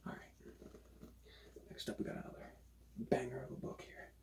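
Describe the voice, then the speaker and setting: A man doing a whispered role-play as a librarian recommending books, in a hushed, breathy library whisper. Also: moderate pace.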